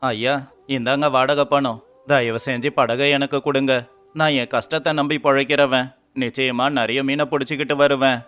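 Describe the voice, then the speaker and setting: A man's voice: mid-range voice, steady tone, moderate pace, fairly bright tone, soft background music, close to an everyday voice. A man voicing a poor, humble young fisherman in a storybook tale, talking in an earnest, pleading tone. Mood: determined. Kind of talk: storybook voice acting.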